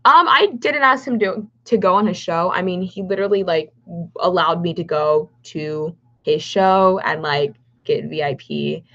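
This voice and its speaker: A woman's voice: fairly low pitch, unhurried, bright, forceful tone. A young woman with a Valley girl accent, chatting casually on a livestream and answering viewer questions with lots of fillers and restarts. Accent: Californian. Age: young adult. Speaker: livestream host. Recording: dull, lo-fi livestream audio.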